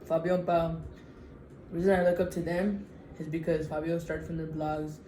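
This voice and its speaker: A young woman around twenty talks openly in a relaxed vlog, her voice mellow and warm. She is frank and a little self-mocking, and the sound bounces around an echoey room with faint ambience behind her. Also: low voice, moderate pace, slight background noise. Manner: frank, chatty, self-teasing. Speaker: vlog co-host. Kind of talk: casual Q&A vlog chat.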